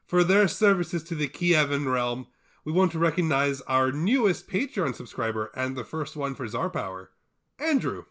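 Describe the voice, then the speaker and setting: A man's voice: a little high, very animated, normal speed, a bit bright. A young man in his twenties co-hosting a podcast, chatting casually and joking with playful pomp. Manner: jokey, playful pomp in mock titles. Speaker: podcast co-host. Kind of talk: casual chat.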